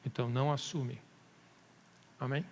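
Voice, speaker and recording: A man's voice: mid-range voice, little pitch movement, normal speed, slight background noise. A male pastor preaching a sermon with a Brazilian Portuguese accent, building to emphatic rises and stretching key words. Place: church hall. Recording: long church-hall reverb.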